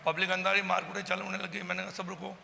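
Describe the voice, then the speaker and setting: Gravelly man recounting an incident. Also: sits high, monotone, rapid-fire, sharp tone, big-room sound, a little hiss or hum. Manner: agitated storytelling, acting out the quoted exchanges. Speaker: eyewitness from the local community. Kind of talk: personal account to a news camera.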